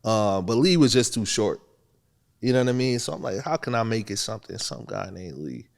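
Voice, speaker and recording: Fairly low and creaky, the voice of a young Buffalo, New York rapper moves at a fairly quick clip. As a guest in a casual interview, he tells his story in a relaxed way, laughing a lot.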